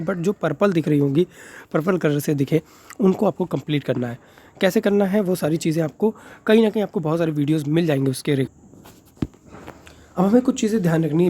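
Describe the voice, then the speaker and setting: A crypto video creator with a sore throat talks softly in a warm, husky voice of fairly high pitch. He explains things to viewers in a chatty, casual way, mixing English into his Hindi and leaning on fillers.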